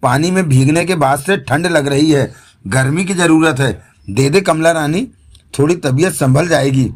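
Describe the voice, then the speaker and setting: A man's voice: on the high side, normal speed, close to an everyday voice. A man voicing a greedy, wheedling fellow who coaxes and sulks, in an audiobook. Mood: coaxing. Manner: coaxing, sulky.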